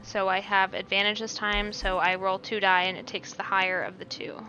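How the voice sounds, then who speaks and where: A woman's voice: mid-range voice, level tone, a little fast, sharp tone, lo-fi sound, soft background music. A woman giving casual, chatty gameplay commentary as she hosts her own playthrough. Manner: chatty, reads choices aloud. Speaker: gamer, playthrough host.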